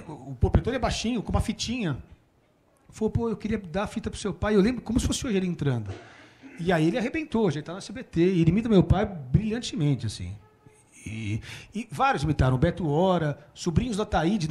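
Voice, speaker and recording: A man in his forties with a Brazilian Portuguese accent, telling stories in a casual, animated way and laughing often. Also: sits high. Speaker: guest. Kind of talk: casual storytelling. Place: small room before a small audience.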